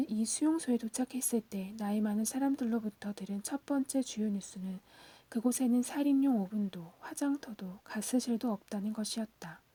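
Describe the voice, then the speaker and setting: A woman giving a whispered audiobook reading in a soft, hushed and steady manner. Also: fairly high pitch, slightly rough, no room sound. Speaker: audiobook reader.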